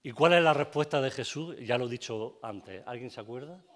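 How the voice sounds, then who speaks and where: A man's voice: medium pitch, brisk. A man with a Spanish accent preaching a sermon as pastor in a church, asking his congregation questions and adding frequent amens. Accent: Spain.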